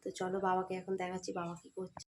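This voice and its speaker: A woman's voice: lowish voice, completely flat delivery, very fast. A young woman chatting casually to her viewers in a daily home vlog, filming herself with a handheld phone. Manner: chatty, addresses viewers as friends; speaks softly so passers-by won't stare. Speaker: vlogger. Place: family home in a semi-rural village. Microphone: handheld phone camera.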